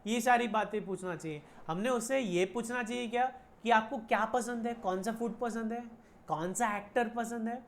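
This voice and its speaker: A woman's voice: on the high side, normal speed, slight background noise. A woman teaching an online commerce lesson, mixing Hindi with Indian-accented English and repeating key points. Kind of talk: online lecture.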